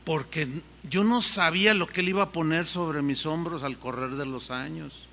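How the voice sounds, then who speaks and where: Older man, pastor, earnest conversational sermon, high-pitched, long hall reverb. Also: steady tone, moderate pace, vocal fry, sharp tone, a little hiss or hum. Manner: conversational and earnest, shifting pace freely. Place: church hall.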